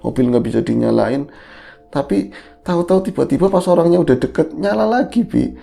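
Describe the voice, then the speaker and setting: A man co-hosting a horror podcast, retelling a driver's eerie experience in a casual, animated way. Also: a little fast, creaky. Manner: animated retelling, jumps up in pitch for quoted speech. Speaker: podcast co-host telling a story. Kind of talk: casual horror storytelling chat.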